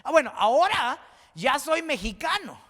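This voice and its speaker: Male pastor from Guatemala, fervent sermon delivery, bright forceful voice, long hall reverb. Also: very high voice, very animated, moderate pace. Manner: fervent, repeats words and restarts, rising to exclaim.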